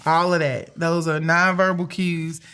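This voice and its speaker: A woman co-hosting a relationship podcast with her husband, in calm, measured casual chat with a teasing edge. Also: on the low side, a little hiss or hum. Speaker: relationship coach, co-host.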